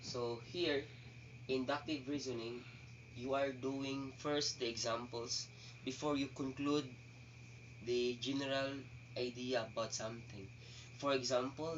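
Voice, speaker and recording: A man's voice: medium pitch, fairly even intonation, unhurried. A male teacher with a Filipino accent walks through a lecture, switching languages and circling back to restate his points. He sits well away from the microphone, so the sound comes through dull and a little muffled, with a faint hiss underneath. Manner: mixes languages, restarts and repeats phrases. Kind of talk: classroom lecture. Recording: distant muffled mic with faint noise.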